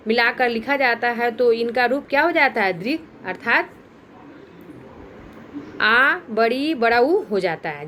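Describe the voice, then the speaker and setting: Woman teacher w/ bihari hindi accent, high voice, asks then answers herself, bit of faint noise behind. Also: fairly bright tone. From India. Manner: patient step-by-step explaining, asks and answers own questions. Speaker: school teacher. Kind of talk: recorded Hindi grammar lesson.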